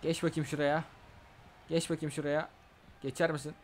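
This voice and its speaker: A young man talks through a wrestling video game in casual Let's Play style. His voice sits high, and he gets excitable, trash-talking his opponent and shouting at big moves. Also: moderate pace, a little hiss or hum. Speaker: gaming YouTuber.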